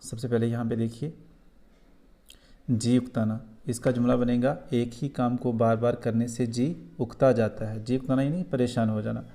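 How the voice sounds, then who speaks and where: A man with a Kashmiri accent takes young students through a school lesson. He explains patiently and says things twice. His voice is warm and mellow at a middle pitch. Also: steady tone. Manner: patient, repeats points slowly for children. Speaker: teacher.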